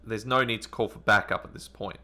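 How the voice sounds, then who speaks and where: A man's voice: lowish voice, a little fast, bright, forceful tone. A man hosting a retro gaming channel, reading game text aloud and thinking aloud with hesitant ums as he plays. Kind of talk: let's-play commentary reading game text.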